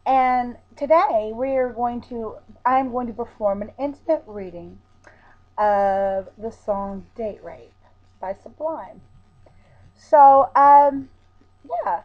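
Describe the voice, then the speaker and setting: High-voiced woman, dull lo-fi recording. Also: takes it slowly. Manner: informal, blunt, opinionated. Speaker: video host performing a reading of song lyrics. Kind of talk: dramatic spoken reading with casual asides.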